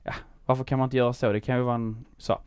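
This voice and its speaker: A man's voice: mid-range voice, level tone, darkish tone, clean tone, no echo, clean studio sound. A man with a Skåne accent, a musician guest in casual chat, hesitant and full of fillers.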